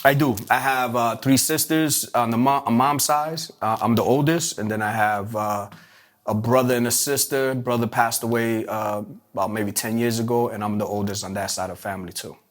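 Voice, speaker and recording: A man's voice: medium pitch, steady tone. A man from Puerto Rico, telling his life story in an interview with many fillers and restarts. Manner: halting, many restarts and fillers, streetwise phrasing. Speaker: interview guest.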